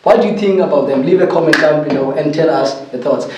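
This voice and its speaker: Male co-host, high voice, casual questioning with hesitant repeats, heavy room echo, off-mic distance. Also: fast talker, dull audio, noisy background. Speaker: podcast co-host. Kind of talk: casual discussion, asking questions. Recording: very echoey room, distant microphone.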